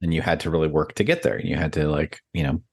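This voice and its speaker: A man's voice: rumbling low, fast, a little mellow, breathy edge, dry recording, clean studio sound. A middle-aged man co-hosting a podcast, chatting casually and telling a personal story with lots of fillers and laughs. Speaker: podcast co-host. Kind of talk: casual conversation.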